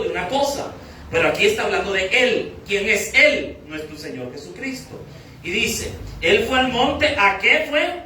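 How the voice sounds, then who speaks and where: A high-voiced man preaches, quizzing his congregation and pressing his points with rising emphasis. His voice is bright and forward, and he sounds distant from the mic. The sound rings around a very reverberant hall. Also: slight background noise. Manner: asks the audience questions, rises to emphatic preaching. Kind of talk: sermon teaching. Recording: very echoey, distant hall recording.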